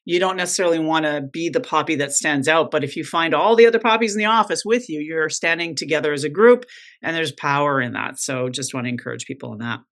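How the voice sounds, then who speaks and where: A woman's voice: deep voice, fast. A woman in her fifties from North America, a leadership coach giving encouraging advice as a podcast guest. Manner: encouraging, animated, advisory. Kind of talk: conversational interview.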